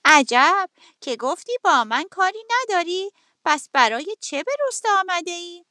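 A sharp-witted storybook rooster with a very high, bright voice and quick comebacks, as a woman puts him on. The recording is dry and close. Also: sing-song, no echo, full character voice. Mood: clever wary.

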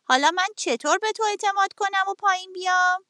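A sharp-witted storybook rooster with a very high, bright voice and quick comebacks, as a woman puts him on. The recording is dry and close. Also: no room sound. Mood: clever wary.

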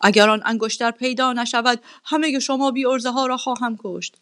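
A woman voicing a selfish, hot-tempered king in a storybook reading, commanding and shrill when alarmed. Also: fairly even intonation, fairly bright tone, natural voice. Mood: imperious.

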